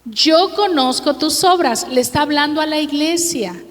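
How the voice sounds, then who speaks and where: A woman's voice: high voice, expressive. A woman pastor preaching a sermon in a church, emphatic and drawing out her words as she quizzes the congregation with repeated questions. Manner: slow, drawn-out reading of scripture verses. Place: church sanctuary. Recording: long hall reverb.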